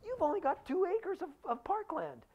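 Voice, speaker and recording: A man's voice: very high-pitched, huge pitch swings, normal speed, darkish tone, pitched above the performer's own voice, full character voice. A man voicing a haughty older aristocratic woman, asking scornful, indignant questions.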